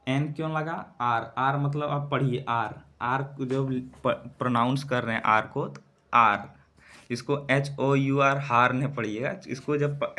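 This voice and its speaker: A man teaching an English grammar lesson in for exam preparation. He asks his students questions and answers them himself, and spells out letters and words slowly. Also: mid-range voice, a bit bright.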